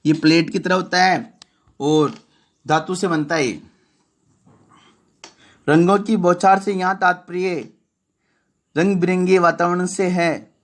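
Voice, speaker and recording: A man's voice: high voice, fairly even intonation. A male primary school teacher explaining a poem line by line, correcting himself as he goes. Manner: reads poem lines slowly and melodiously, then explains in plain words.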